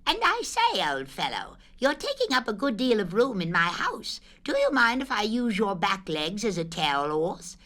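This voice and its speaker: A woman voicing a fussy, bustling male rabbit in a storybook reading, with a high, chirpy voice and a brisk, proper manner. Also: huge pitch swings, a bit bright.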